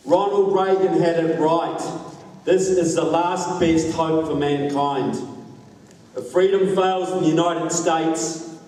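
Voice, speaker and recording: A man's voice: fairly high pitch, mellow. A man with a New Zealand accent giving a political talk to a live audience, folksy and joking with the crowd. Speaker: guest speaker. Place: large hall. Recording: echoey hall, distant mic, faint noise.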